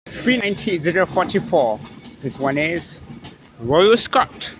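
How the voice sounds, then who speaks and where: Higher-pitched man commenting amid train noise. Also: very animated, a little slow. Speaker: trainspotting video maker. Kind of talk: casual running commentary, reading out train numbers. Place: outdoors on railway station platform. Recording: dull sound, clear train noise.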